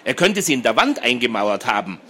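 A man reading a fantasy story and voicing a thoughtful teenage boy who talks in a measured, quiet way. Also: medium pitch, big pitch swings, a little hiss or hum.

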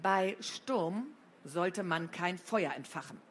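A woman voicing a calm, sensible schoolgirl. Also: on the low side, slow pace, a little hiss or hum.

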